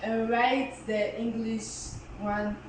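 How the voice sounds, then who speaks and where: A woman with a fairly high voice presents a casual vlog introduction. She sounds distant from the microphone in a heavily echoing space, with clear background noise. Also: flat delivery, slow. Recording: very echoey, distant, noisy recording.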